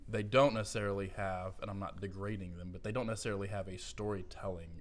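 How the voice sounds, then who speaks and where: A man's voice: on the low side, steady tone, fast talker. A man as a podcast guest, recalling his workplace in a reflective manner with dry humor. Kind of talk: casual interview chat.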